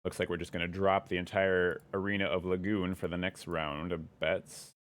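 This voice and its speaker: Young man, very low voice, casual live-stream chat, rambling, curious, thinks aloud. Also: level tone, normal speed, no echo.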